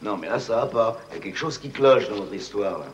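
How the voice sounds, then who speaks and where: An actor playing a proud, slow-witted boxer who talks plainly and slangily, from a muffled film soundtrack with faint hiss. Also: male voice, lowish voice, lively intonation, lightly acted. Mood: stubborn. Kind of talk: dubbed film dialogue.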